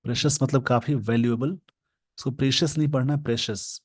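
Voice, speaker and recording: A man with an Indian accent teaching English in Hindi, explaining an editorial word by word and slowing down to read the English phrases. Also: medium pitch, fairly even intonation, a little mellow, no echo. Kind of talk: Hindi-language English lesson reading an editorial.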